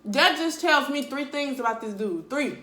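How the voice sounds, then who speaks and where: A woman's voice: high voice, animated, moderate pace, a bit bright, echoey room. A young woman talking bluntly and animatedly in slang during a casual eating-video monologue at home. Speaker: vlogger.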